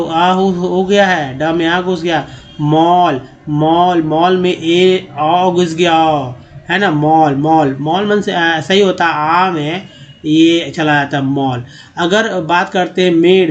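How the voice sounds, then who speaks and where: A man with a fairly high voice gives a pronunciation lesson. He repeats each word slowly, several times over, and keeps checking with the listener through questions. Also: highs cut off. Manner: repeats words slowly and drills pronunciation, asking the viewer questions. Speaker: English teacher. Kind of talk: Hindi-language English reading lesson.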